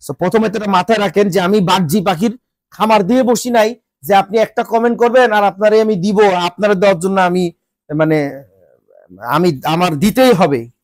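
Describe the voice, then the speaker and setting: Sick with a cold, this Bangladeshi vlogger's high voice comes out congested and altered as he berates his audience at a normal speed. He keeps firing rhetorical questions in exasperation. The recording is clean studio sound without echo.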